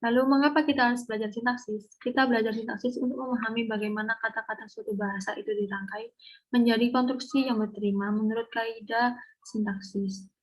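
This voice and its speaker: Young woman, slightly high voice, careful lesson delivery with frequent restarts. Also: fairly even intonation, quick pace, rough recording. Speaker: student presenter explaining syntax. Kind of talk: read-aloud lesson.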